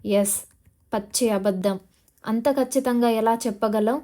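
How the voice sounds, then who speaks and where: A woman's voice: fairly high pitch, steady tone, a little slow, warm tone, close to an everyday voice. A woman narrator voicing a desperate male police officer who is pleading and defiant, in an audio novel.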